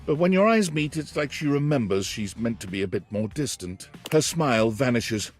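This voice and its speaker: An actor playing a wry narrator who describes the scene in scripted dating game narration. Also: male voice, medium pitch, animated, moderate pace, soft background music, lightly acted. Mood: wry, observant.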